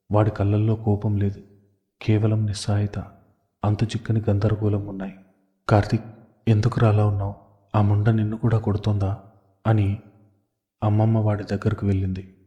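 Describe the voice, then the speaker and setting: A man narrating a family drama story in a steady, measured first-person reading. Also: on the low side. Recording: dull lo-fi audio.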